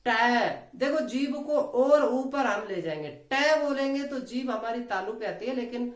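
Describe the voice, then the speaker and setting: A woman teaching a grammar lesson for exam preparation, slowly demonstrating each sound aloud and explaining step by step. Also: fairly high pitch, lively intonation, echoey room. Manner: slow, deliberate, demonstrates sounds aloud one by one.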